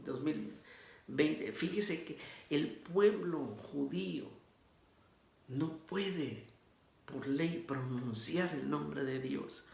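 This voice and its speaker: Slow, gravelly man preaching earnestly. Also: on the high side, darkish tone, echoey room. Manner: earnest, addresses the listener directly as "brother", with many restarts. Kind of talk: informal sermon commentary on scripture readings.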